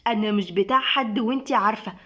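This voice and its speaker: A woman's voice: mid-range voice, fast, fairly bright tone, lightly acted. Woman voicing a hot-headed young guy, scolding, Egyptian accent, lo-fi sound. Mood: angry. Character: jealous, hot-tempered young man.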